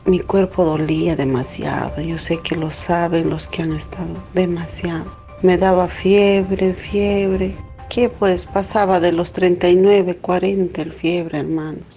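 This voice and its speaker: A middle-aged woman telling an emotional personal testimony, halting and repeating words, with many filler questions. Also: on the low side, fairly even intonation, mellow, soft background music. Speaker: testimony giver.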